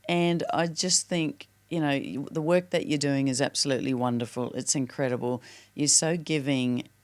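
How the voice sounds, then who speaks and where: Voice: mid-range voice, steady tone. A podcast host asking questions and praising the guest effusively. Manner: effusive and supportive, quick to praise. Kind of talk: casual interview talk.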